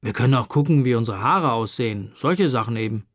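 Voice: medium pitch, lively intonation, brisk, no echo, studio quality, pitched below the performer's own voice, close to an everyday voice. A narrator voicing an earnest, stubborn boy in a storybook read-aloud.

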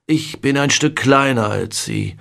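A man's voice: medium pitch, unhurried, creaky, fairly bright tone. A man reading an audiobook, voicing a weary, wary giant father who grumbles his words.

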